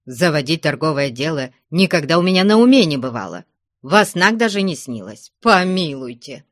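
A man reading aloud, voicing a timid, pious young man who sighs and speaks softly. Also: fairly high pitch, big pitch swings, moderate pace, dry recording, clean studio sound. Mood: pleading. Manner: sighing, half-whispered.

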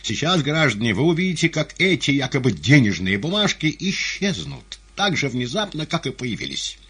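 A man's voice: mid-range voice, big pitch swings, normal speed, a bit bright, husky, voice pushed up, exaggerated voice. A man voicing a frightened variety-show emcee who pleads and begs in a desperate, strained voice. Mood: forced showman.

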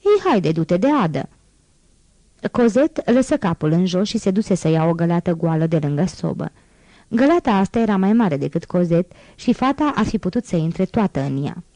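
A woman reading a classic novel aloud as an audiobook, in a calm, measured storytelling manner. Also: fairly low pitch, no echo. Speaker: audiobook reader.

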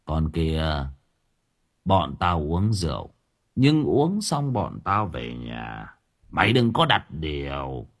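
A man voicing an arrogant young village thug who talks low, slow and taunting. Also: very animated, full character voice. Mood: sneering.

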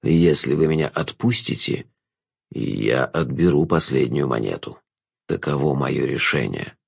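A man voicing a scheming, mocking male jester villain in an audiobook, speaking low, hushed and drawn out. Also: expressive, measured pace, gravelly, slightly rough, no room sound, studio quality, exaggerated voice. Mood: sly, mocking.

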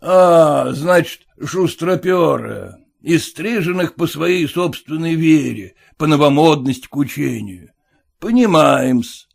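A man voicing a coarse, tipsy old-fashioned merchant landlord who talks down in a slow, drawling way. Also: fairly high pitch, vocal fry, heavily acted.

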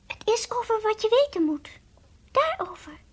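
A woman's voice: lively intonation, measured pace. A woman voicing a timid, childlike toy dog in an old radio play, earnest and confiding, sometimes whispering. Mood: pleading. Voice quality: high childlike voice, drops to whispers. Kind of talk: 1960s radio drama acting.

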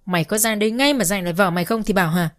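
This is a foul-mouthed older village mother-in-law who scolds and wails with abuse, put on by a woman narrator. She speaks at an ordinary pitch. The character comes from a spoken storybook. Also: very fast, close to an everyday voice. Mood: angry scolding. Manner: crude, abusive shouting.

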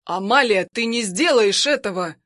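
A woman voicing a desperate husband who pleads with an armed woman and shouts urgent threats to save his wife. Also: fairly high pitch, normal speed, no echo, studio quality. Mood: urgent, pleading.

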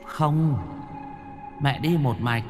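A man voicing a female ghost that poses as an old mother, speaking softly and pleadingly at a door in a spoken ghost story. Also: fairly high pitch, extremely slow, long reverb tail, over music, pitched above the performer's own voice. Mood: soft evasive. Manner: soft, sweet and pleading. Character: ghost posing as an old mother, coaxing then wailing.

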